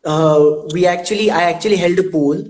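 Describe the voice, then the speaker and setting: A man's voice: fairly high pitch, a little fast, darkish tone, rough recording. A young man hosting a casual interview over a video call, laughing often and stumbling over repeated words. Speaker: host.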